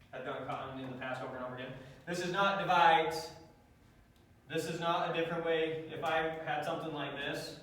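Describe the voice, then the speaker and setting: A man's voice: a little high, a bit bright, slight background noise. A man teaching a math class, lecturing and quizzing students with a dry, joking manner, recorded from the back of a classroom. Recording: echoey classroom taped from far off.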